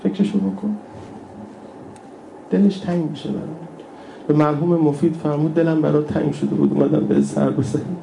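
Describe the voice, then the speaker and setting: A man preaching an emotional religious sermon, telling stories and sometimes dropping to a hushed near-whisper. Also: fairly high pitch, steady tone, vocal fry, pauses often, a little hiss or hum, low-quality recording.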